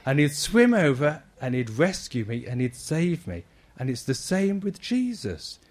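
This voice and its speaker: A man giving a lively children's talk in church, acting out his points with big shouts and questions. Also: on the high side, measured pace. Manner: animated, acts out shouting for help.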